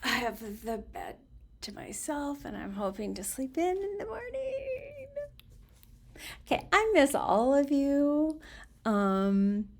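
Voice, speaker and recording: An older woman around her 60s, a storytelling vlogger, rambles casually to camera about personal things, fond and loose as if among people she knows. Her slightly high voice crackles with heavy creak, and she's tired and a bit punchy from little sleep, chatty, affectionate, expressive, and giggly as she drifts between thoughts.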